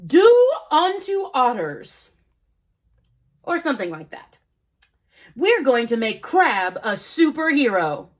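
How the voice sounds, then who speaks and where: A woman's voice: a little high, big pitch swings, slow, long pauses, voice pushed down, exaggerated voice. A woman voicing a cheerful, silly narwhal superhero boy, reading a children's storybook aloud with a playful, joking manner.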